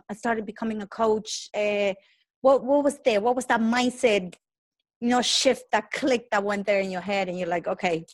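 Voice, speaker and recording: A woman hosting a podcast, chatting upbeat with her guest and often restarting her sentences. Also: mid-range voice. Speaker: podcast host. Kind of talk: casual interview.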